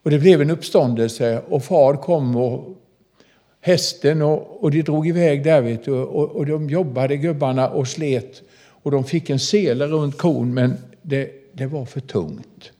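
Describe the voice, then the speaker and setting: Older man, prison minister, storytelling sermon, folksy, animated, middle-pitched voice. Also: husky. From southern Småland, Sweden. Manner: folksy, animated, addresses listeners directly.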